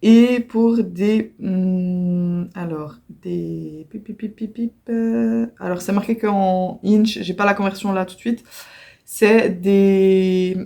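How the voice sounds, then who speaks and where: A chatty woman talks through a casual home video, stopping often to apologize and correct herself. Her voice is mellow and warm, sitting at a middle pitch. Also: steady tone, takes it slowly, creaky. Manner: chatty and apologetic, with many fillers and self-corrections. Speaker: crochet vlogger. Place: at home by a computer.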